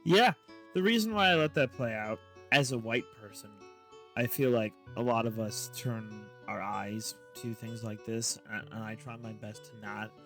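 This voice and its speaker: A man's voice: fairly low pitch, moderate pace, soft background music. A man hosting a reaction stream, speaking earnestly and emphatically about a clip he has just played. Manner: earnest and emphatic, sometimes loud. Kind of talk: casual reaction commentary.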